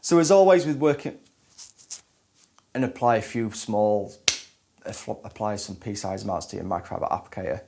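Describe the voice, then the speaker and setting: A man in his thirties presents a scripted car detailing tutorial to camera, fumbling his lines and starting over again and again, as in outtakes. His voice sits fairly low, with vocal fry and a moderate pace, and he pauses often. Background noise is audible.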